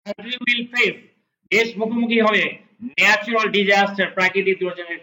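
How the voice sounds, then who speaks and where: A man teaching spoken English, who says each English phrase slowly, repeats it and explains it word by word. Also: sits high, steady tone, sharp tone. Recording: echoey room.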